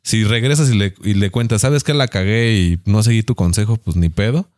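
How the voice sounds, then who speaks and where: Young mexican guy, low dark voice, talks fast n blunt, lots of slang, dry close mic. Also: dry recording. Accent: Mexican Spanish. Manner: blunt, slangy and profane, quick to mock friends. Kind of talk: casual chat.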